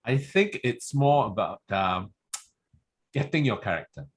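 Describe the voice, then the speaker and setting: A man's voice: fairly low pitch, big pitch swings, a little slow, husky. A man who is an amateur actor, answering a panel question while searching for words, with stammering restarts.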